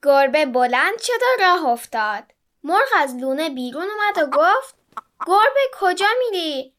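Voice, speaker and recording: Bright, very high woman's voice reading along. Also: big pitch swings. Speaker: co-storyteller. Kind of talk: children's story reading.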